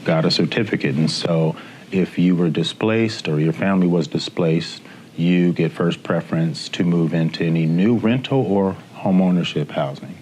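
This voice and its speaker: A man's voice: deep voice, normal speed, a little mellow, slight background noise. A man giving an explanatory interview answer as a housing official. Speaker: interviewed housing development director.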